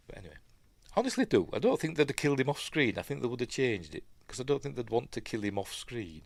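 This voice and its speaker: With a lowish voice and no echo, a Yorkshire-accented man hosts a live news stream, sniffly from a stuffy nose. He chats and rambles, cutting in on himself with asides and trailing off into mumbled afterthoughts.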